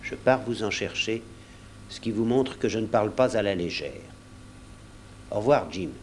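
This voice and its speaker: A man's voice: on the low side, moderate pace, a little hiss or hum, lightly acted. Man playing an earnest, resolute doctor. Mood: urgent, grave. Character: earnest middle-aged male doctor, resolute.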